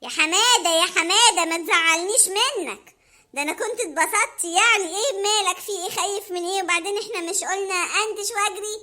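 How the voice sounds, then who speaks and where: A woman's voice: very high voice, pitched below the performer's own voice. A woman doing a giddy Egyptian girlfriend. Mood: coaxing. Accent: Egyptian Arabic. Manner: excited, gushing and coaxing. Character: giddy, sweet-talking young Egyptian woman.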